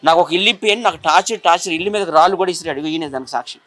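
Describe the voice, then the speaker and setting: A man's voice: on the high side, rapid-fire, fairly bright tone. A man from Visakhapatnam giving an indignant, insistent account in an interview. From Visakhapatnam, India. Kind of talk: heated complaint in an interview.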